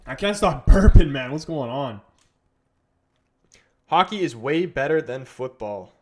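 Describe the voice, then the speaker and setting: An English livestream host from England keeps up casual chatter during a football match and reads out viewer comments, speaking with an English accent. His medium-pitched voice has lively intonation and a measured pace.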